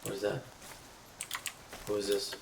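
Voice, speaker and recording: A man's voice: lowish voice, completely flat delivery, a little slow, recorded from a distance. A man streaming live gameplay commentary, who chats to his in-game companion and yelps and swears at sudden scares. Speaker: gaming streamer. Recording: echoey room, off-mic, noisy.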